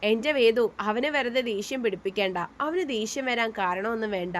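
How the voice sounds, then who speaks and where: A woman voicing an elderly, gentle grandmother who soothes and gives advice, in a storybook reading. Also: fairly high pitch, fairly quick, a little hiss or hum, natural voice. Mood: fond advising. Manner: soothing, lecturing.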